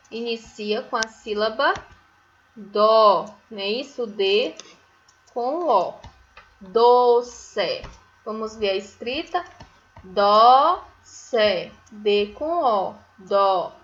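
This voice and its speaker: A woman's voice: on the high side, fairly bright tone, muffled recording. A Brazilian woman teaching a phonics lesson to young children, stretching out syllables and checking in often with little tag questions. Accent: Brazilian Portuguese. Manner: drawn-out syllables, frequent "né?" and "certo?" checks.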